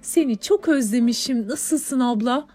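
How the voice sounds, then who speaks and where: A woman's voice: on the high side, measured pace, a little mellow, soft background music, pitched above the performer's own voice. A woman voicing an eager young elder sister. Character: warm young elder sister who bakes.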